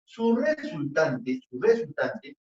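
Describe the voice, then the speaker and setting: A man's voice: a little high, very animated, takes it slowly, darkish tone. A man with a Peruvian accent teaching a physics class, coaxing his students along with repeated questions. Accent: Peruvian Spanish. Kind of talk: online class lecture. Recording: roomy, distant, dull lo-fi sound.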